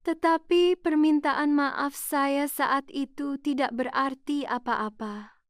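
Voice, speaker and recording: A woman narrating a scripted first-person story in a slow, sorrowful way. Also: sits high, fairly even intonation, dry recording, clean studio sound.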